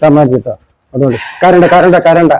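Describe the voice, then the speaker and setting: An actor playing a neighbour who gently soothes a crying man, repeating his reassurances. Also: on the high side, fast, close to an everyday voice, poor audio. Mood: soothing. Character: consoling male neighbour. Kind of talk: amateur short film acting. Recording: crowd noise nearby.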